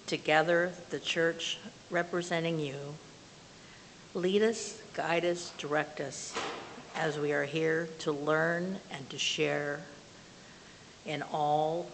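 An older woman's low, slightly bright voice carries an earnest, plainspoken testimony and prayer from the pulpit of a small church, where she speaks as a lay speaker with slow, measured phrasing. The audio has faint hiss and the reverberance of the hall, picked up by a far camera at the back of the room.

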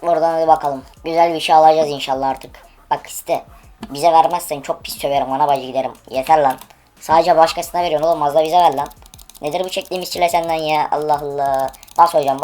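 A woman's voice: sits low, warm tone. A woman streaming an online case-opening game, giving live commentary in an impatient, profane way as she urges each spin aloud.

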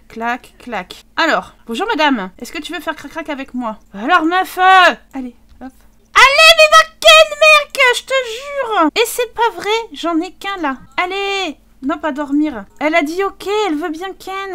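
High-voiced woman joking over a game. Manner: animated, joking, talks to the game characters. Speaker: gaming streamer. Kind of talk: casual game commentary.

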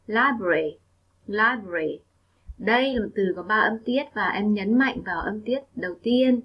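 A woman with a Vietnamese accent teaching English vocabulary to children, repeating each word slowly and clearly and stressing its syllables. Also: medium pitch, dull audio.

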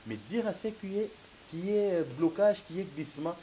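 A Congolese French-accented man in his thirties, a political analyst with a slight cold, makes his case emphatically on a political talk show, gesturing and repeating "mon cher ami." His high-pitched voice is warm with lively intonation at a moderate pace. The recording is rough, from a lapel mic with faint hiss.

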